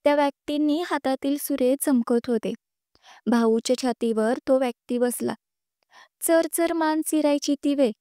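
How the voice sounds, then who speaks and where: A woman storyteller reads a story aloud with an expressive, measured delivery. Her voice is high-pitched and mellow, and the recording is close and dry. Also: dry recording. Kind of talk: storytelling narration.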